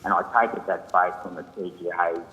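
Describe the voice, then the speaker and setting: A man, a senator, putting formal questions to a hearing while speaking away from his phone, so he sounds distant and halting. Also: sits low, level tone. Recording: muffled phone line with long reverb.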